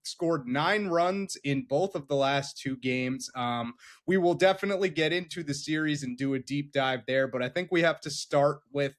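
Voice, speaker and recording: Male podcast host steering a relaxed sports chat, voice a touch higher than most men. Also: moderate pace.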